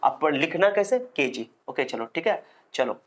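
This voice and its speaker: Man, physics lecture, emphatic, repetitive, slightly high voice. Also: lively intonation, normal speed. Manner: repetitive, emphatic, drills students to repeat after him. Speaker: physics teacher. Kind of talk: classroom lecture at a board.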